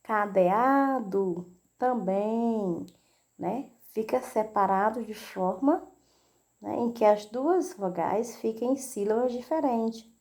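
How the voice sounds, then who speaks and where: Slow, patient Brazilian schoolteacher woman. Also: fairly high pitch, a little mellow. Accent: Brazilian Portuguese. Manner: patient, repeats "né?" and "tá?" to check understanding. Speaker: teacher. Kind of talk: recorded video lesson for children.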